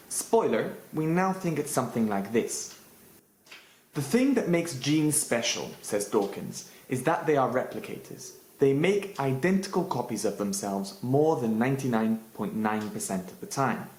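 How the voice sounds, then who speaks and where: A man's voice: medium pitch, a little mellow, echoey room, slight background noise, low-quality recording. A man hosting a scripted English lesson for Spanish speakers, narrating with playful asides. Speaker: English teacher and channel host.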